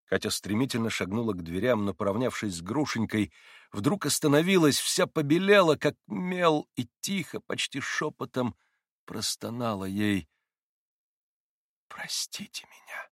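A man narrating a literary audiobook in a measured, expressive manner. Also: mid-range voice, no echo, studio quality.

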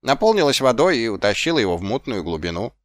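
A man voicing a scruffy, sly, cowardly little male guardsman who talks in quick, wheedling questions, in an audiobook. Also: mid-range voice, very animated, no echo, natural voice.

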